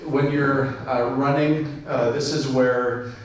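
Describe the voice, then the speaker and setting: Slow and steady at medium pitch, a man presents informally to his club, explaining the steps and spelling out call signs in radio phonetics, with plenty of fillers. The setting is a club meeting room. A distant mic picks up a very echoey room and faint noise.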